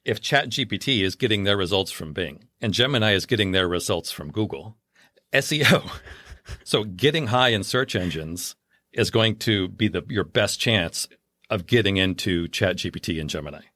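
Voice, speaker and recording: A man with a lowish voice co-hosts a casual podcast, explaining his views with easy confidence. The sound is dry and close, with no room around it. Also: lively intonation, moderate pace, sharp tone, dry recording. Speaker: podcast co-host.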